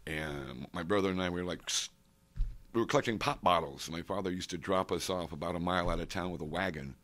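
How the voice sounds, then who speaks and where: A deep-voiced man, a comic collector raised abroad in Saudi Arabia, Africa and India, rambles through his memories in an oral-history interview, digressing and losing the question. He talks fast, with a somewhat bright tone. He's in an indoor studio before a painted backdrop, speaking into a stand mic close in front.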